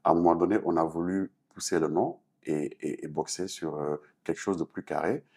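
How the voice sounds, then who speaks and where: A man from Senegal, an artist and activist, is a guest on a talk show, earnestly answering questions in French-speaking West African fashion with a Senegalese accent. He speaks briskly in a deep, slightly mellow voice with fairly even intonation and a breathy edge.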